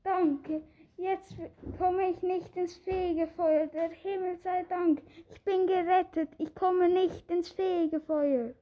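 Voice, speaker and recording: A woman's voice: extremely high pitch, fairly even intonation, takes it slowly, dark tone. A woman playing a poor, pleading, subdued peasant man in an amateur audio play. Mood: relieved. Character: poor pleading peasant man, desperate to save his family.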